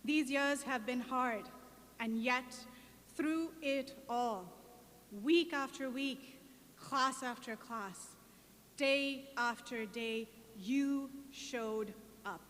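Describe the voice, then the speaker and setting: A woman faculty member giving a commencement speech in a slow, emotional, deliberate cadence. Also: sits high, fairly bright tone. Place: large outdoor venue with PA. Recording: reverberant PA sound with faint background noise.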